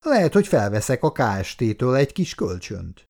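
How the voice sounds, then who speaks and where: A man's voice: mid-range voice, very animated, vocal fry, darkish tone, pitched above the performer's own voice. A man voicing an impatient young husband who speaks brusquely. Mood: calm. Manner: brusque, questioning.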